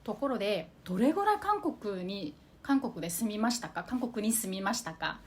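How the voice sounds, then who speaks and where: A woman teaching a language lesson, repeating example sentences slowly and carefully. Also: medium pitch, very animated. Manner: slow, careful repetition of example phrases.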